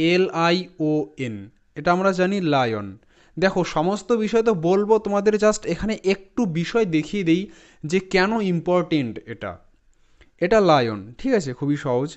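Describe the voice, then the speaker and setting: Clear-voiced teacher, spelling slowly. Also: male voice, high-pitched. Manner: patient, spells words letter by letter and repeats them slowly. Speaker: English pronunciation teacher. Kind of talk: spoken lesson to students. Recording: slightly dull lo-fi sound.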